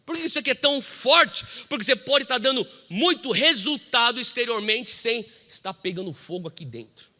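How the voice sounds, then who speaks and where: Brazilian male pastor, 40s, animated storyteller with a sharp, ringing tone, reverberant hall sound. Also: very high voice, moderate pace, few pauses. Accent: Brazilian Portuguese. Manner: animated storytelling, acting out quoted dialogue. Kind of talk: sermon.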